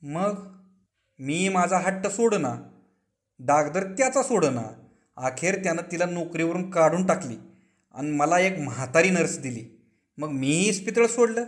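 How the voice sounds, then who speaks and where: A boastful old village notable, smitten with his nurse, savours every word as he spins his tale, as a male reader puts him on. His voice sits a little high for a man, and he stretches out the juicy parts. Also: lively intonation, a little slow, long pauses. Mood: aggrieved.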